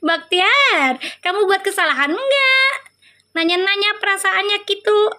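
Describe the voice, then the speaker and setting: A high-pitched woman hosting a relaxed tarot livestream, speaking. She chats warmly and teasingly with her viewers and laughs easily as she talks them through their questions. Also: measured pace. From Indonesia. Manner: chatty, teasing, affectionate, laughs often. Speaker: tarot reader. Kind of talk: casual livestream chat with viewers.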